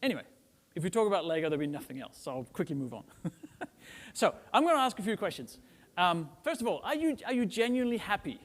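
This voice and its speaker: Middle-aged man from Denmark, slightly high voice, chatty jokey conference speaker, long hall reverb. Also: very animated, fast. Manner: chatty and joking, with frequent "right?" tags and "um" fillers. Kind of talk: casual conference talk.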